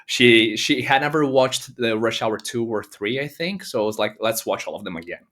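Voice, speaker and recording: A young man from Brazil chatting casually as an interview guest, relaxed, with lots of fillers and easy laughter. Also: medium pitch, normal speed. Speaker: guest, comedy content creator.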